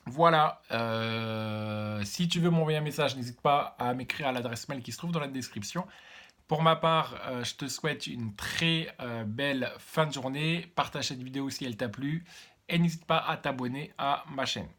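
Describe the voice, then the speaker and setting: A man speaking as a vlogger, explaining things informally to one listener in a hesitant, halting way with repeated words. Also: medium pitch, a bit bright. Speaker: vlogger giving online business advice.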